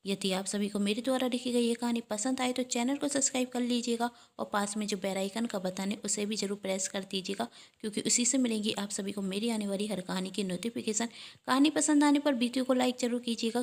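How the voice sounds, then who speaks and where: Woman narrating a story, higher pitch. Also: fairly even intonation, fast. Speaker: storyteller and channel host.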